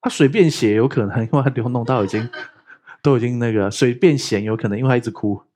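A man's voice: medium pitch, fast. A male pastor, preaching a sermon in a playful, joking way. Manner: playful, joking, animated storytelling. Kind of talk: lively sermon teaching.

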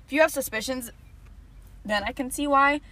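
A woman's voice: high-pitched, normal speed, bright, forceful tone. A young woman co-hosting a casual chat, frank and emphatic in her opinions. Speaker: co-host.

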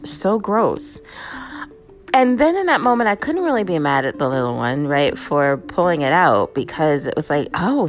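Slow, lively woman, chatty. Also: lowish voice. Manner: lively, conversational, often asks "right?". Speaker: host. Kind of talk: casual motivational talk.

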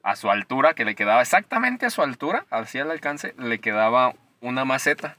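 Young mexican dude on a podcast, bright voice, swears a lot, sounds a bit back from the mic. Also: male voice, mid-range voice, brisk, no echo, far from the mic. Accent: Mexican Spanish. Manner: slangy, animated, swears freely. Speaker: podcast co-host. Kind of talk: casual storytelling chat.

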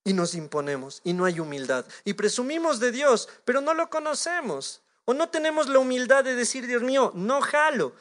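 This sermon comes from a high-voiced man with an Ecuadorian Spanish accent who sounds like a pastor in his thirties. He moves fairly quickly with few pauses, preaching in an animated way and staging small imagined exchanges with God.

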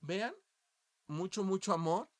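Animated swearing Mexican man. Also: high-pitched, slow pace. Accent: Mexican Spanish. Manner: animated, swearing, jumps from quiet asides to loud outbursts. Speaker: podcast host. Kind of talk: casual podcast chat.

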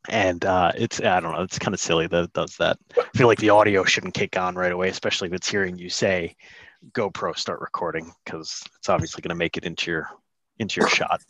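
A man with a fairly low voice hosts a podcast in a relaxed, rambling way, full of "um" and "you know". The sound is dry and close, with no room around it. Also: fast talker, no room sound. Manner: laid-back, rambling with many fillers. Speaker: podcast host. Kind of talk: casual podcast chat.

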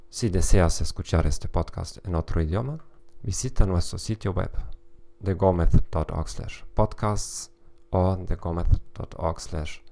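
A man's voice: low voice, gravelly, darkish tone. A man with a German accent, a native German speaker, hosting a scripted podcast monologue with careful non-native delivery. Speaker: podcast host, psychologist and German teacher.

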